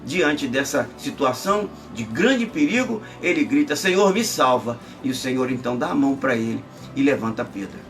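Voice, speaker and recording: A man preaching a Bible lesson emphatically, rising to shouts and dropping to murmurs. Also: medium pitch, animated, moderate pace, few pauses, distant mic, faint music behind. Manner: emphatic, swinging between shouts and near-murmurs. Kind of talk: sermon-style Bible teaching.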